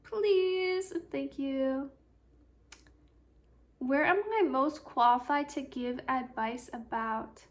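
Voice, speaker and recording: A woman's voice: sits high, slow pace. A woman hosting her own podcast, chatting casually and rambling with lots of fillers, sounding sleepy and yawning. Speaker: podcast host. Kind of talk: casual solo podcast chat.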